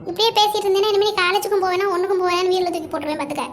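A woman voicing a stern, sharp-tongued middle-aged mother in a cartoon, talking in a harsh, bossy scolding manner. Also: extremely high pitch, fairly even intonation, racing, a little hiss or hum. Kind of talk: cartoon dialogue acting.

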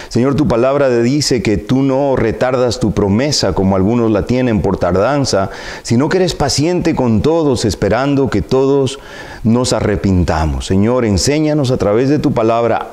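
A middle-aged man preaching a sermon in a church sanctuary, reading scripture and praying in a measured, earnest way on a lapel mic. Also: medium pitch, animated, darkish tone. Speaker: pastor.

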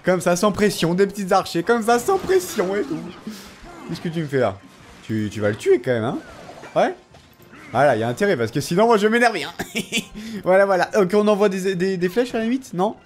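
A man's voice: sits high, brisk. A young man giving casual commentary over a mobile game. He teases his opponent as he plays, and his throat is sore and strained. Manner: animated, teasing, talks to his opponent. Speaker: gaming video creator. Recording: faint music underneath.

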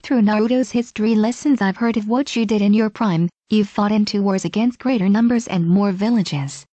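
A woman voicing a bold woman warrior who speaks calmly and persuasively. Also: mid-range voice, normal speed, dry recording, lightly acted. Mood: determined. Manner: calm, persuasive.

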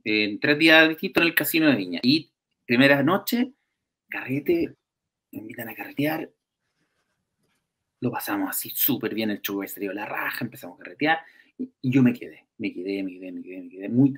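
A man with a Chilean accent, a comedian telling a story in lively, slangy talk. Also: fairly low pitch, a little fast, breathy edge. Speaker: comedian guest. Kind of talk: comic storytelling.

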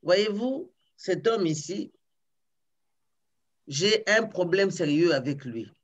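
A woman storyteller voicing a huge, thin, bad-tempered male giant who threatens and shouts. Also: on the low side, animated, slow pace, dull audio. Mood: scheming.

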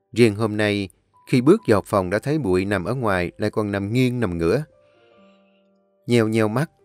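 A man reads a novel aloud in a low voice. The recording is close and dry, with faint music underneath. His delivery is steady storytelling that keeps shifting between slow and quick. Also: dry recording. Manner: steady storytelling, pace changing often. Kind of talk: audiobook story narration.

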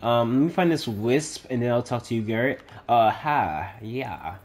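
A man giving casual let's-play commentary, excitable and chatty, reading game text aloud haltingly. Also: mid-range voice. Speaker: gaming YouTuber.

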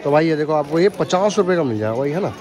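Filming himself and his view on a handheld camera, a young man talks fast in a fairly high, lively voice as he wanders a crowded outdoor market. He asks stallholders what things cost and relays the prices to his audience over the noise of the crowd.

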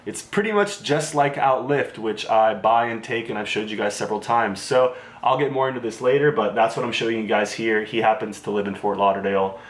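A young man talking casually to camera as a fitness vlogger, relaxed and chatty with loose fillers. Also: on the low side, a little fast, few pauses. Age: young adult. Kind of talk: casual vlog talk to camera. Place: large gym, indoors. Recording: echoey with background music.

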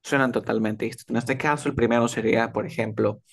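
Guy teaching english on a video call, patient, says words over and over slowly. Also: medium pitch, steady tone, vocal fry, breathy edge. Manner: patient, repeats words slowly to model pronunciation. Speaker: English tutor. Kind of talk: one-on-one online English lesson.

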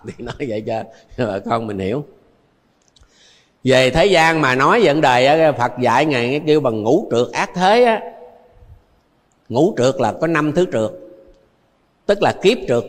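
A man's voice: mid-range voice, big-room sound. An older man with a Southern Vietnamese accent, a Buddhist monk giving a dharma talk full of anecdotes, who chuckles often and repeats phrases for emphasis.

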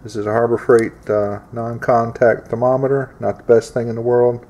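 A man's voice: medium pitch, flat delivery, moderate pace, a little mellow. Folksy man showing a repair. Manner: folksy, plain-spoken, repeats warnings. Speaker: DIY home repair instructor. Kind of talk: casual how-to demonstration. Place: outdoors beside an air conditioner unit.

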